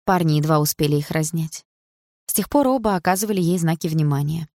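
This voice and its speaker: A low-voiced woman narrating a novel in an even, measured reading. Her voice is close and dry, with no room sound around it. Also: no room sound. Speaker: audiobook narrator. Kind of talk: scripted narration.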